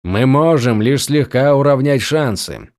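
Мужчина-чтец озвучивает ленивого наёмника, говорящего медленно и невозмутимо. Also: male voice, mid-range voice, dry recording, studio quality. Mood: deadpan. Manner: slow, flat, deadpan. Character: lazy deadpan male mercenary.

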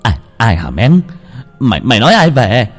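Guy doing a gruff peasant dad, loud and blunt, faint music under it. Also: medium pitch, wildly swooping pitch, moderate pace. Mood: alarmed. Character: gruff startled peasant father.

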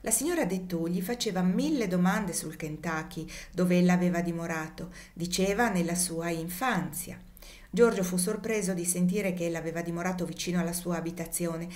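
A woman narrating a classic novel as an audiobook, with a steady, measured reading. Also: lowish voice. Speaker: audiobook reader.

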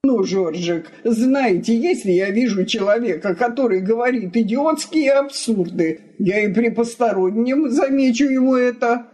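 A woman's voice: on the high side, moderate pace, hardly any pauses, mellow, voice pushed up, natural voice. A woman reading aloud, voicing an exasperated middle-aged husband who blusters and pleads.

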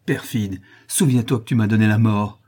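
Brief: desperate young countess, urgent pleading, read by a man with a husky low voice. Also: steady tone, moderate pace, darkish tone. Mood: frantic pleading.

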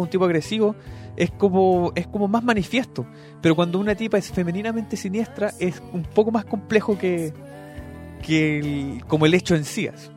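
A young Chilean man with a notably high voice chats loosely on a radio music show, padding his talk with fillers and restarts. Soft music plays behind him in the studio. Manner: chatty, many fillers and restarts. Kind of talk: casual radio chat about music.

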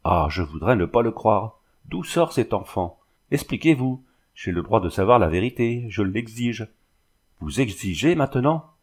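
A man's voice: lowish voice, very animated, normal speed, a little mellow. Male reader voicing an insistent, suspicious young suitor in a storybook reading. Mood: accusing. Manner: pleading and insistent. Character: suspicious pleading young man, her cousin.

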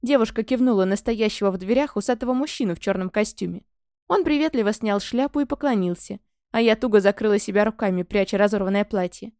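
A woman narrating a fantasy audiobook in the first person, expressive and scripted, on a close microphone. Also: medium pitch, fast talker, dry recording.

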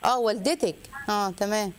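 A woman with an Egyptian accent hosts a call-in advice show. She talks quickly and counsels directly and emphatically. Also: mid-range voice. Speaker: host and counsellor.

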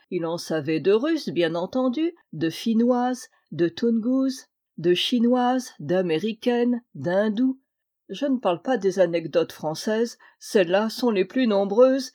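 A woman narrates a classic tale as an audiobook, measured and clear. Her tone is mellow and warm, at an ordinary pitch for a woman.

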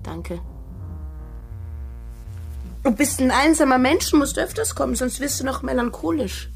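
Teasing mercenary woman, fairly high voice, slow coy drawl, faint music behind. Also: expressive, creaky, exaggerated voice. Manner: teasing, coy, turns shrill. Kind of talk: radio play acting.

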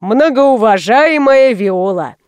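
A woman reading an audiobook voices a fussy, ceremonious old male obstetrician who speaks slowly and formally. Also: a little high, animated, a little mellow, clean tone, no echo. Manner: slow, formal and courtly.

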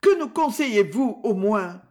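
A man's voice: sits high, sing-song, unhurried, darkish tone. A male reader voicing a frightened young woman who pleads with her uncle, his voice raised well above his own. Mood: pleading. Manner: pleading, fearful. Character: anxious pleading young woman, a niece and wife.

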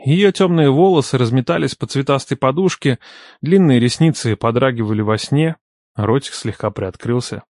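A man's voice: medium pitch, normal speed, darkish tone, dry recording, clean studio sound. A young man narrating an audiobook in the first person, in a playful, teasing and ironic way.

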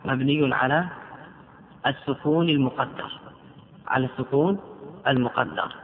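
A man teaching a grammar lesson, drawing out example words slowly and repeating them for his students. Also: medium pitch. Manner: slow, drawn-out example words, repeated for drilling. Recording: phone-like hall recording.

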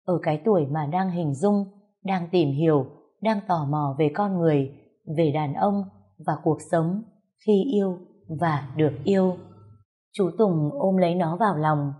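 A woman narrating a romance story in a measured, emotional reading. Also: low-pitched, dark tone.

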